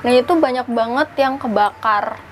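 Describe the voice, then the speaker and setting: A young woman in her twenties casually retelling a ghost account, halting and searching for words, on a lapel mic in an indoor studio. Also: fairly high pitch, a little hiss or hum. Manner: halting, searching for words, animated hand gestures. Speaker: storyteller. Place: indoor studio with a draped backdrop.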